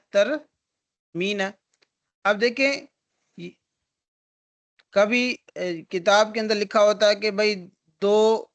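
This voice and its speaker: A man's voice: high voice, fairly bright tone. A male teacher giving an online grammar lesson, explaining step by step and answering his own questions. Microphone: video call.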